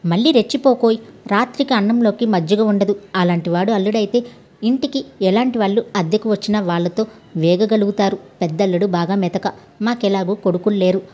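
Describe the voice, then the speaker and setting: A woman's voice: medium pitch, brisk, dark tone, lightly acted. Woman reading a level-headed housewife weighing the family's choices. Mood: reasoning. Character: practical middle-aged wife and mother.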